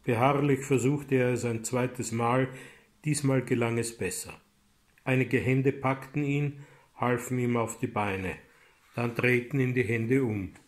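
Male author from Austria reading his own story; slow, deliberate and dramatic. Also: medium pitch, fairly even intonation. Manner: measured and dramatic, rising in loud passages. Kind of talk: literary reading.

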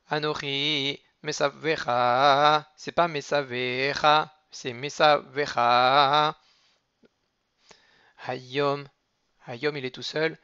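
A man giving a cantillation lesson, chanting verses slowly and then explaining each word with careful repetitions. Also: a little high, pushed and bright, clear, resonant tone, dry recording, dull audio. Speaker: teacher of Torah reading.

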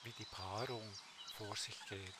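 A man's voice: on the low side, fairly even intonation, a little slow, very noisy. A man giving unscripted nature documentary commentary, explaining things in short, simple phrases. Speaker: narrator. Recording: music behind the voice. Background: music.

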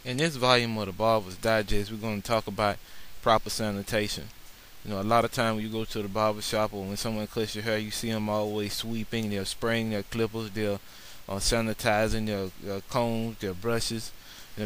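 A man's voice: fairly low pitch, little pitch movement, moderate pace, fairly bright tone, slight background noise, low-quality recording. A man narrating a slideshow lesson on barbershop sanitation in an earnest way, with many filler words. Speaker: barber instructor.

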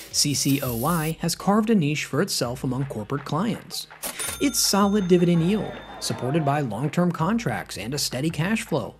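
A scripted narrator reads a finance explainer in an even, practiced cadence, the pitch rising and falling with a lively swing. Soft music sits faintly underneath the voice. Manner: steady explainer reading a list.

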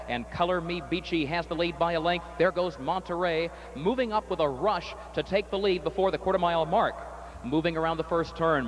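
A man calling a harness race as the track announcer, reading entries and calling the running order in crisp broadcast style. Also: fairly high pitch, rough recording. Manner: rapid crisp calling, rising excitement in stretch. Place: outdoor racetrack.

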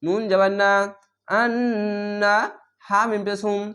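A man teaching recitation who spells each word letter by letter, then chants it slowly and draws it out. He states the reading rules briskly and often repeats them. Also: high-pitched.

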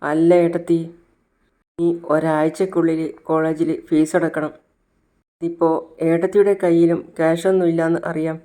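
A hesitant young student, as a narrator puts her on, speaking a touch higher and louder than the narration. She pleads and holds back her words at the same time. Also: flat delivery, normal speed, pauses often, lightly acted. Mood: anxious. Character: anxious young woman student.

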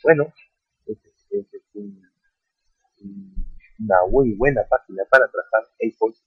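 Speaking at normal speed in a breathy, low-leaning voice, a man records a voice-over for a screen-captured website tutorial. He's an online earning vlogger who keeps asking "ok?" and calls viewers friends. The audio sounds dry and tinny like a phone, with no room sound.

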